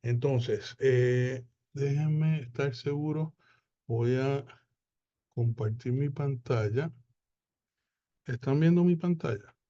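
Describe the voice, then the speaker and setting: Man with a mellow, muffled webinar voice. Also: mid-range voice. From Puerto Rico. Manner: unhurried, with many hesitations and repeated words. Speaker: accountant presenting a webinar. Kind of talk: webinar presentation. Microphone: video call.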